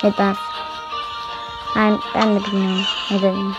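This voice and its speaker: A woman doing let's play commentary as host of a gaming channel, chatty and excitable, talking straight to her viewers and often shrieking. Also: medium pitch, moderate pace, dull audio, loud music behind the voice. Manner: excitable, often shrieks and laughs while playing; chatty, keeps addressing viewers directly.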